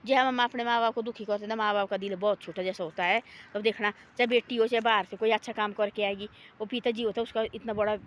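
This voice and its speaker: Homely woman, rambling, slightly high. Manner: homely, repetitive, gently moralizing. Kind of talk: casual rambling talk. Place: outdoors in a forest.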